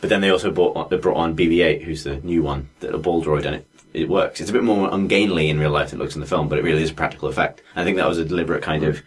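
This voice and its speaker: Man, podcast co-host, casual chat, very deep voice, husky, emphatic. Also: very fast, few pauses. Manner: profane, emphatic, laughs often.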